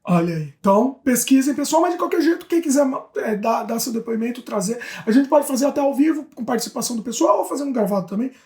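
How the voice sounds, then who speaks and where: A woman from Brazil co-hosting a casual chat show, reading viewer comments aloud with lively asides. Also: on the high side, fast, few pauses. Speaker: co-host. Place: home in Canada. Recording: roomy echo.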